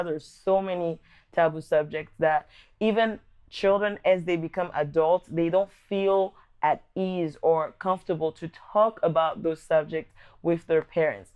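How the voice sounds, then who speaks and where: Through dull audio comes the clear, resonant, low voice of a young DR Congo woman who hosts a vlog. She reflects personally on how she grew up, earnest and measured, now and then beginning a sentence again.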